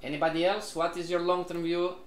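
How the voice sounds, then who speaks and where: In an echoey room with a little hiss or hum, a man with a high, brisk voice that barely moves in pitch runs a live online trading class. He keeps repeating himself, firing questions and prompts at the whole group.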